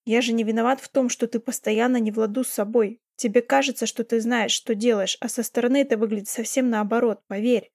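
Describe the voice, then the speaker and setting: Cold domineering young man, as a woman reads him, calm commanding tone, fairly high voice, dry close sound. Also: quick pace, few pauses, no room sound.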